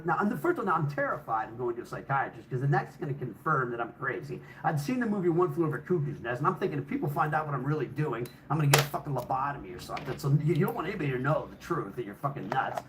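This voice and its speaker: A man's voice: on the high side, slight background noise, poor audio. An older man telling a personal story in a casual, rambling way, swearing heavily and restarting sentences.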